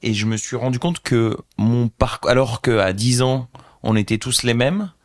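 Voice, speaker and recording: A man in his thirties from northern France, a company founder, tells his story earnestly and thoughtfully as a podcast guest in a casual interview. His medium-pitched voice moves at normal speed, with clean, echo-free studio sound.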